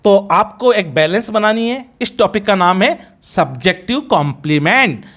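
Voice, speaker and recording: A middle-aged man with an Indian accent teaching a grammar lesson in a classroom, drilling example sentences slowly and deliberately as he mixes Hindi and English. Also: sits high, expressive, fairly bright tone. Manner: switches between Hindi and English.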